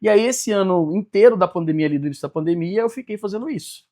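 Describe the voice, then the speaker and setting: A man's voice: sits high, expressive, fast talker, mellow. A man, telling his life story as a podcast guest and acting out the dialogue. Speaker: guest, business mentor. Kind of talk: personal storytelling in a podcast interview.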